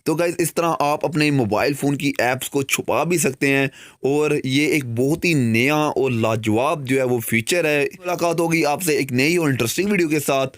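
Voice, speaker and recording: A young man with a Pakistani Urdu accent walks viewers through a phone tutorial, with "guys" dropped into nearly every sentence. His voice sits a little high and sounds dry and close, with no room around it. He talks in a loose, chatty way. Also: moderate pace, dry recording. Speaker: tech channel host. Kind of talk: screen-recorded tutorial narration.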